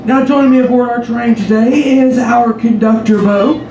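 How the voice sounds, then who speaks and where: A man's voice: very high-pitched, steady tone, normal speed. A man working as tour guide and trainman, addressing passengers in a projected, ceremonious announcer's delivery. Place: aboard a train carriage. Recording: echoey, loud train noise.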